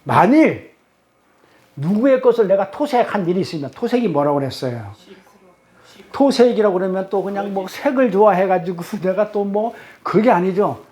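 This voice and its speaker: A man's voice: high-pitched, expressive, normal speed, darkish tone. A man leading a Bible study class, quizzing his listeners with rhetorical questions in an emphatic, repetitive teaching cadence.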